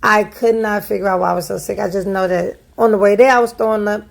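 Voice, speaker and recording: A woman's voice: mid-range voice, quick pace, vocal fry. A young adult woman telling a personal story in a casual, chatty storytime vlog, acting out what people said and laughing at herself. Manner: chatty, animated, acts out quoted voices, laughs at herself. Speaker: vlogger telling a life story.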